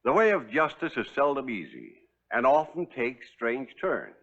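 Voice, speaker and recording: A man's voice: medium pitch, wildly swooping pitch, moderate pace, creaky, a bit bright. A man with an American accent reading scripted narration as host of a western series. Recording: thin phone-like old TV soundtrack.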